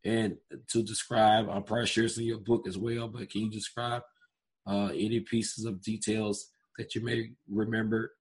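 Hoarse, low-voiced man hosting. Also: level tone, normal speed. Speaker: interview host. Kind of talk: casual interview.

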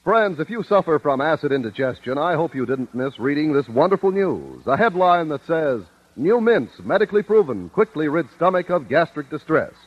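Man, chipper 1950s ad announcer, emphatic sales pitch, lively intonation, slightly high voice, dull old radio sound. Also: normal speed, few pauses, a little hiss or hum. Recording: muffled vintage radio recording.

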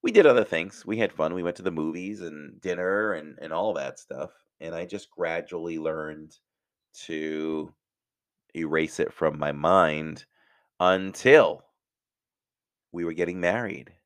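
A man's voice: sits low, unhurried, dry recording, studio quality. A middle-aged man hosting a podcast, telling a personal story in a chatty, self-mocking way and laughing at his own jokes. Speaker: podcast host. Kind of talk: casual storytelling.

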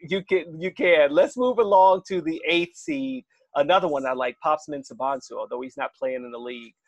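A man's voice: on the high side, moderate pace, creaky, dry recording. A man co-hosting a sports betting chat, reading out odds and putting questions to his partner. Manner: leads the talk, reads odds, asks questions. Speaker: sports betting podcast co-host.

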